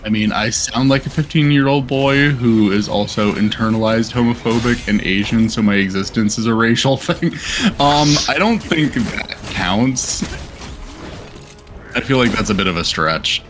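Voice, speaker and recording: A man's voice: mid-range voice, normal speed, fairly bright tone, soft background music. A young man co-playing a game, chatting casually and making dry, wry remarks. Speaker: co-player. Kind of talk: casual chat while gaming.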